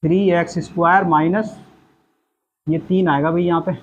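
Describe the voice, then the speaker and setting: A man teaches a math class, working through each step aloud and firing questions at his students. His voice sits high. Faint classroom noise runs under the recording. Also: level tone, moderate pace, lo-fi sound. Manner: explains steps aloud, quizzes the class with questions. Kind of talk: classroom lesson.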